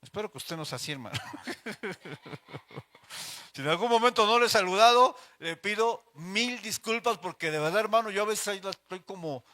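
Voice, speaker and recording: Middle-aged Mexican male Bible teacher, high bright voice, chatty, full of anecdotes. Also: expressive, moderate pace. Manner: chatty and anecdotal, addresses listeners as brothers, acts out everyday voices. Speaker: church Bible class teacher. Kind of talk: informal Bible class teaching.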